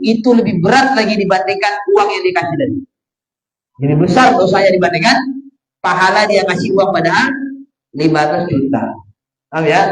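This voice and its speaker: A man giving a religious study lecture. He explains patiently and repetitively, often adding "ya", and quotes Arabic before translating it. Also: high-pitched. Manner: repetitive explaining with frequent "ya" fillers, quoting Arabic then translating. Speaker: religious teacher. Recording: roomy echo.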